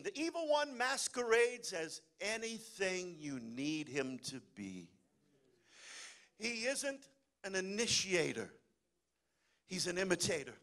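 Middle-aged pastor, man, sermon delivery, highish and very animated. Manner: lively preaching, calls for amen and hallelujah. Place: church sanctuary.

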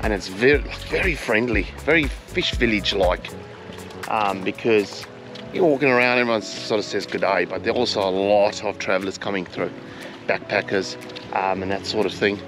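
An Australian travel vlogger in his forties rambles casually to the camera in a laid-back, colloquial way, his fairly low voice at normal speed with music behind. He is filmed outdoors on a beach, with some talk in a car, on a handheld action camera held at arm's length.

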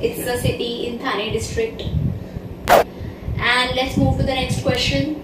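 A woman's voice: high voice, level tone, unhurried. A woman in her twenties from India, chatting casually as a vlogger, talking with her hands while sitting in a bedroom. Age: 20s. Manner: chatty, gestures with both hands. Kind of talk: casual Q&A chat. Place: bedroom, indoors. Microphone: far camera. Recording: echoey room, far from mic, loud hiss.

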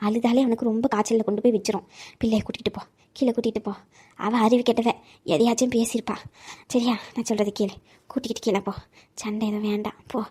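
A woman voicing a frail elderly grandmother who talks in a soft, tired and coaxing way in a cartoon. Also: fairly high pitch, level tone, fast, husky. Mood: weary. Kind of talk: cartoon voice acting.

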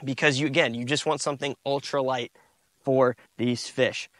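A man, giving a relaxed outdoor fishing tutorial from a boat on a lake, recorded on a lapel mic. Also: mid-range voice, moderate pace, dry recording. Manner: relaxed, repeats "again" and "you guys". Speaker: fishing instructor.

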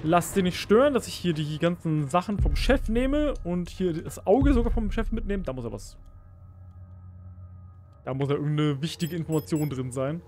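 A man's voice: fairly high pitch, animated, normal speed, a little mellow, faint music behind. A man commenting casually while playing a horror game, easily startled and pleading with the enemies on screen. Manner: jumpy, pleading and squealing at enemies. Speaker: let's play gamer.

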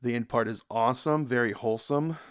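A young American man hosts a casual reaction video from a dim room, rambling, repeating words and reading comments aloud. His mid-range voice is brisk and smooth.

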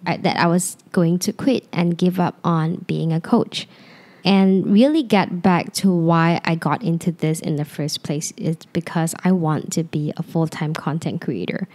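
This casual podcast monologue comes from a young woman on her living room sofa, miked closely with a handheld microphone. She speaks at a measured pace in a slightly low, relaxed voice, with a Malaysian accent tinged North American, sharing things openly and now and then rambling.

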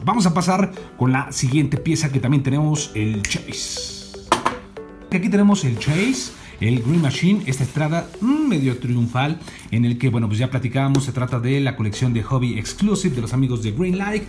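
A man at a desk presents collectible models with a showman's flair, breaking into lively exclamations as he goes. His pitch sits in the middle range. Music plays clearly behind him. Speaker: diecast collector channel host. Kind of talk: casual unboxing review. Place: indoor desk, office.

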